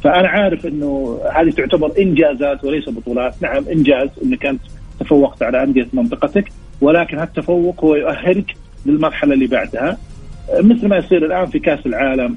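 A man's voice: on the high side, animated, very fast, husky. A man with a Saudi accent speaking as an expert guest, explaining in an interview and often restarting mid-phrase. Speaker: guest expert, sports historian. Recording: dull lo-fi radio sound, music behind.

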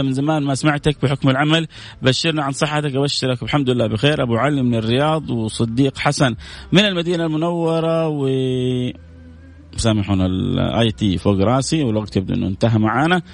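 Fast-talking male host reading viewer greetings. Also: mid-range voice. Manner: warm blessings, quick lists of names, playful asides. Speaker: live religious program host. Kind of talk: live broadcast reading viewer greetings and prayers.

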